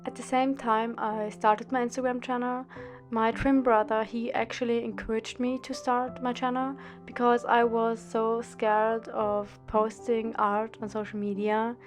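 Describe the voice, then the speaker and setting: Young woman, somewhat high voice, careful scripted voice-over, soft guitar music faintly behind. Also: measured pace. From Austria. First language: German. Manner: careful, steady, read-out delivery. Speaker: art student and drawing channel host. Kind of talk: scripted voice-over narration for a drawing video.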